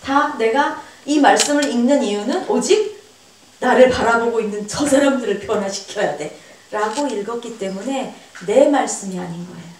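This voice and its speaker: A woman, a pastor's wife, preaching a sermon at a church seminar with earnest emphasis, acting out quoted voices with sudden high pitch jumps. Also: moderate pace, slight background noise. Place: church hall. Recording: echoey church hall, voice from far off.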